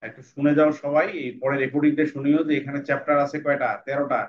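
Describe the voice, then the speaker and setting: A man teaching an online class, patiently repeating letter drills slowly and then quickly over a video call. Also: medium pitch, level tone. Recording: distant muffled video-call audio with faint noise.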